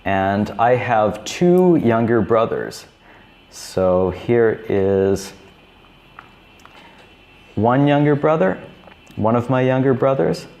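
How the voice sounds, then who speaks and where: A man in his thirties teaching beginner English, repeating each simple phrase slowly and clearly. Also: medium pitch, animated, a little mellow. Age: 30s. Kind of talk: slow, repetitive teaching for beginners.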